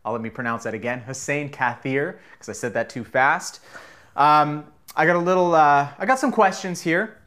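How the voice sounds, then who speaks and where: A man's voice: on the high side, brisk, fairly bright tone. A man hosting a casual interview show, talking in a loose, rambling way with jokes and the odd swear word. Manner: loose, rambling, joking, swears now and then. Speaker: podcast host.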